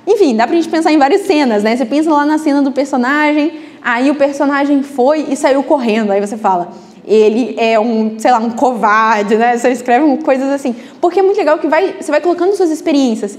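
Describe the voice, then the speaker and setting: Woman teacher, high voice, rapid delivery, chatty lecture, reverberant classroom. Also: a little mellow. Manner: chatty, frequent tag questions. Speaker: book club teacher.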